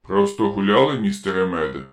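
A man's voice: low-pitched, very animated, a little fast. A man voicing a driverless police car that interrogates in a cold, metallic, mechanical voice, curt and commanding, in an audiobook story. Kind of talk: audiobook reading.

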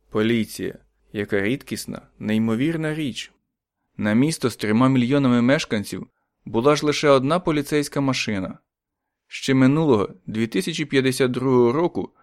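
A man narrating a story in a calm, measured audiobook reading. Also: mid-range voice, dry recording, clean studio sound.

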